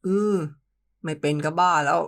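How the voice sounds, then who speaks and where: A man's voice: moderate pace, a bit bright, close to an everyday voice. A reader voicing a young man who is upset and tearful, snapping back with a trembling voice in an audio novel. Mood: huffy. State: crying. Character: flustered young man, teary and prickly.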